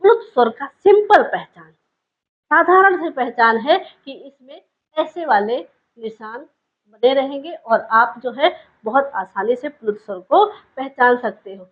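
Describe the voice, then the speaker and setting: This grammar lesson comes from a woman whose high voice is animated yet a little slow, captured in dull audio. She questions and answers herself, goes back over key points, and draws out vowels as a demonstration.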